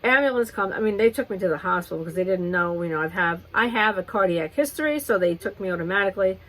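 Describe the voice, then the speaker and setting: A woman beauty vlogger telling a rambling, animated story while doing her makeup. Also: mid-range voice, quick pace, poor audio. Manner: rambling, animated retelling with restarts. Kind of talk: chatty get-ready-with-me storytime.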